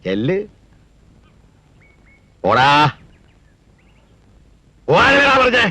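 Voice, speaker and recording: A mocking, domineering landlord. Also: male voice, a little high, animated, unhurried, fairly bright tone, no room sound. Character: scheming wealthy landlord father, mocking and bossy. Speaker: wealthy landlord, a young man's father. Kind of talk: film dialogue.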